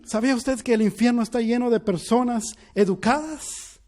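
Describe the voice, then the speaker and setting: A high-pitched male pastor delivering a sermon. He moves between quiet, hushed storytelling and loud, emphatic preaching, with plenty of restarts as he goes. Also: normal speed.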